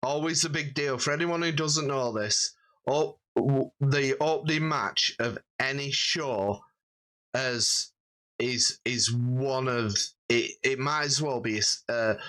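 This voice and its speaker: A man's voice: medium pitch, bright, forceful tone, low-quality recording. A man hosting a podcast interview, chatting casually and explaining things to listeners. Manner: slow, explanatory asides to listeners. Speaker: podcast host.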